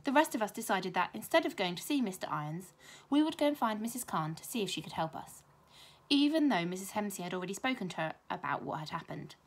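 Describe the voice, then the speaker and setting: Speaking quickly in a mid-range voice, a British woman who teaches primary school gives an expressive reading of a children's story.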